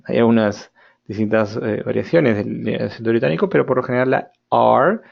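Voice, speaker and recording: Heard through dull lo-fi audio, a male English teacher with a medium pitch and vocal fry teaches grammar and pronunciation in a recorded lesson. He mixes Spanish and English, models words slowly, and often checks in by saying "ok?".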